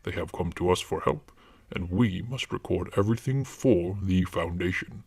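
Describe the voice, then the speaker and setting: Male actor as stern paranormal investigator, disguised deep voice, husky, formal, commanding, audio drama. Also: normal speed, darkish tone, no room sound, heavily acted. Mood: impatient, commanding. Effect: voice-disguising alteration.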